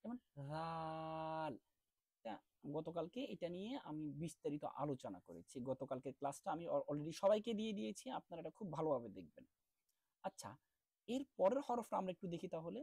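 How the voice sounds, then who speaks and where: A man teaching an online class, explaining letter sounds step by step and drawing each sound out slowly, then asking questions and answering them himself. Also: on the high side, very animated, darkish tone, slightly rough, no room sound. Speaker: Quran recitation teacher.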